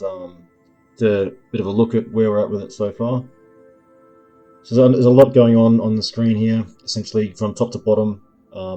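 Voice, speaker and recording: Low, mellow man walking through software. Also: muffled recording. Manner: unhurried, filler-heavy, thinking aloud. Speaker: developer demoing his app. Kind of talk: screen-recording tutorial walkthrough.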